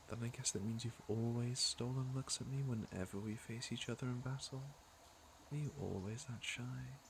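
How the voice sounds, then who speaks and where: The audio is poor, with slight background noise, and the man's voice is mid-range. In this intimate ASMR roleplay he plays a fantasy villain, teasing and flirtatious but caring underneath, smooth-talking directly to "you."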